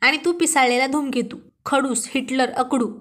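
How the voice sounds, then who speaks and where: A woman's voice: high-pitched, moderate pace, natural voice. A woman doing a feisty young wife. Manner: sulky, scolding.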